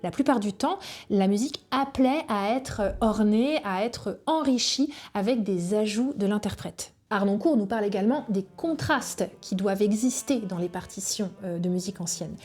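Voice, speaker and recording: Mellow-voiced Frenchwoman explaining music. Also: mid-range voice, normal speed. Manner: calm explanatory, sings rhythms on "ta". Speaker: cello teacher.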